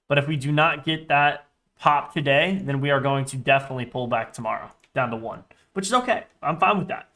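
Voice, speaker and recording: A man's voice: medium pitch, fairly even intonation, brisk, bright, forceful tone. A man in his twenties giving casual live trading commentary, restless and sweary, muttering to himself as he goes. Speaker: day trader livestreamer.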